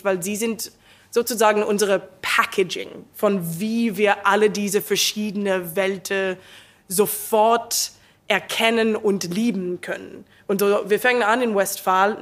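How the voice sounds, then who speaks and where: A woman's voice: medium pitch, steady tone, a little slow. A woman, an English speaker, talking emphatically and enthusiastically in an interview, mixing in English words. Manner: emphatic, non-native phrasing with English words mixed in. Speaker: theatre artist interviewed about a production.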